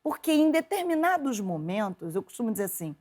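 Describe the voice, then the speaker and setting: A Brazilian woman, a journalist and preacher, telling stories from her upbringing in an interview, lively and quick to laugh. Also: fairly high pitch. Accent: Brazilian Portuguese. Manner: lively, laughs often, quotes her mother in animated voices. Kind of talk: conversational interview storytelling.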